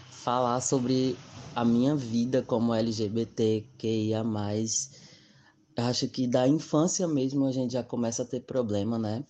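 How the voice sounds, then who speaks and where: A man's voice: medium pitch, steady tone, measured pace, dark tone, muffled recording. A man, casually telling his story as a guest. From Mossoró, Brazil. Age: 20s. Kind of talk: personal testimony.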